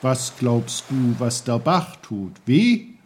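A man playing a tiny, gruff uncle figure who lectures like a schoolmaster, in a storybook reading. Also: medium pitch, sing-song, takes it slowly, a little mellow, a little hiss or hum. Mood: lecturing.

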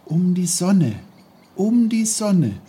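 A man voicing a curious little boy who eagerly asks questions, in a husky, slow storybook reading. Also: sits high, sing-song, warm tone, voice pushed up, full character voice. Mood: wondering.

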